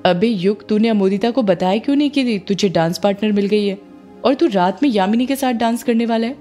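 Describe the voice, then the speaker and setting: A woman's voice: medium pitch, brisk, dark tone, soft background music, natural voice. A woman voicing a cheeky young male friend who talks in a teasing, slangy way in a storybook reading.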